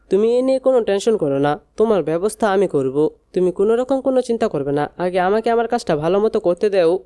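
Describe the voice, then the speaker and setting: Fast-talking woman retelling a serial. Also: mid-range voice, warm tone, no room sound, clean studio sound. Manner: rapid storytelling, reads characters' lines in a plain voice. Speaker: gossip channel narrator. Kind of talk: fast serial plot recap.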